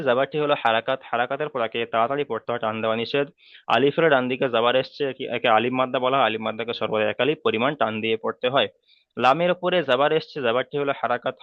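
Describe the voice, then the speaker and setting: A man's voice: medium pitch, no room sound, lo-fi sound. A man teaching a Quran reading class online, with a Bengali accent, patiently repeating rules and checking that students follow.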